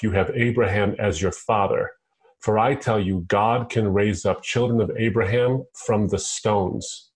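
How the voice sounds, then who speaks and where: A middle-aged American man, a guest on the line, telling his own story in an earnest, conversational way. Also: fairly low pitch. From United States. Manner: earnest storytelling, quotes himself in asides. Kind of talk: conversational interview. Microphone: phone line.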